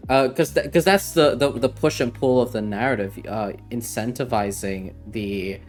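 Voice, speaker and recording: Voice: mid-range voice, moderate pace, darkish tone, faint music behind. A show host running a casual interview, enthusiastic and gushing. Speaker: podcast host.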